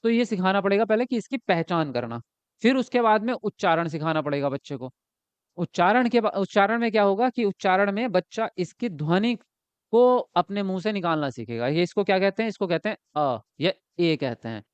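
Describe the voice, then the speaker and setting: Male teacher for an exam-prep lesson: high, smooth voice that answers its own questions, close and dry, slightly dull recording. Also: animated, brisk, no room sound. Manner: explains by asking and answering himself; ends points with a checking tag.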